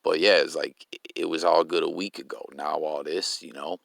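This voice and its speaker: A man's voice: extremely low pitch, fairly even intonation, a little fast, creaky, a bit bright, no echo, clean studio sound. A man hosting a casual commentary vlog, laid-back and slang-heavy, often stumbling over his words. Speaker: commentary channel host.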